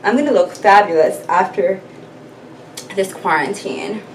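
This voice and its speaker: A woman's voice: medium pitch, measured pace, slight background noise. A woman chatting casually to her viewers in a rambling vlog, full of fillers. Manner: chatty, scattered, many fillers. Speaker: vlogger. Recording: echoey room, mic far off.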